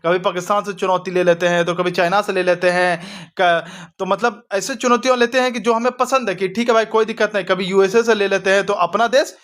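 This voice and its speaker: A male exam coaching teacher revises memory tricks in a friendly, chatty way, posing questions and answering them himself while calling students "bhai". His voice sits high and steady, fairly quick and fairly bright, with hardly any pauses.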